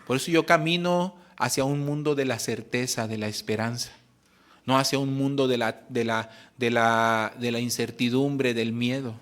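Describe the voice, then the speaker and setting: A man preaching in church. He gives earnest testimony and often pauses to restart a phrase. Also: medium pitch, steady tone. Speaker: pastor. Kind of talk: sermon.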